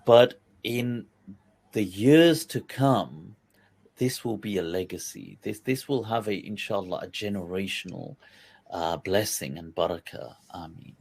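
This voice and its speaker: A man's voice: lowish voice, unhurried, gravelly, a little mellow, breathy edge. A man hosting a live online interview, effusive and exclamatory, stretching out his words. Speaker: host. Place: lives in England.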